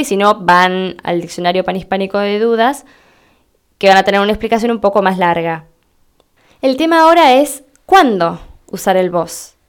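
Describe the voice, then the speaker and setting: A woman with an Argentine Spanish accent giving a slow, deliberate explanatory lesson, spelling things out for her listeners. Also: medium pitch, smooth. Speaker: Spanish teacher.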